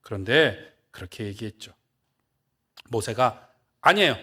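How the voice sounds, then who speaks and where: A man's voice: a little high, expressive, a little fast, a bit bright. A male pastor preaching a sermon, asking the congregation questions and answering them, and acting out the quoted speech.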